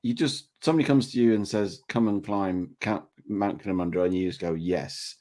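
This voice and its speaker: Mellow male podcast host. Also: lowish voice. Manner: halting, restarts questions often. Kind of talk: interview questions.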